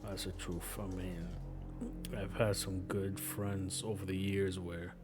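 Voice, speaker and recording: A man's voice: deep voice, flat delivery, slow, loud music behind the voice. Laid-back New York man rambling. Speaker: streamer. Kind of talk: casual chat while gaming.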